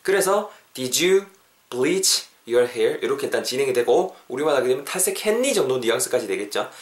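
A man teaching English phrases in a casual podcast lesson, lively and drilling each phrase over and over. Korean is his first language. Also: medium pitch, moderate pace. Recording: roomy echo.

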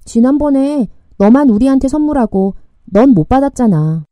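A woman's voice: high-pitched, normal speed, dry recording, pitched above the performer's own voice. A woman reading as a blunt teenage boy. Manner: flat, dry line delivery.

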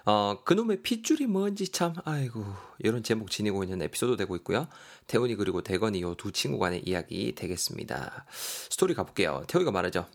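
Animated Gyeongsang-accented male teacher. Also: low voice, quick pace, vocal fry, few pauses. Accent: Gyeongsang Korean. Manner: animated, explanatory. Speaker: English teacher host. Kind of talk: podcast vocabulary lesson.

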